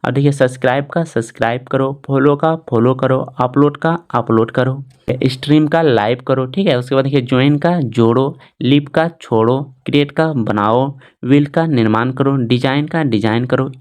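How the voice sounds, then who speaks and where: A man teaching English words, reading each one out with its Hindi meaning in a brisk, repetitive way, filling pauses with "thik hai". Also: mid-range voice, darkish tone, clear, resonant tone.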